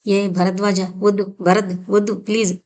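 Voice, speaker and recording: A woman reading as a mischievous young heroine from a spoken audio novel, light and teasing in her phrasing. Her voice sits at an ordinary middle pitch for a woman, with nothing put on. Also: fairly even intonation, fairly quick, a little mellow, close to an everyday voice. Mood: frightened.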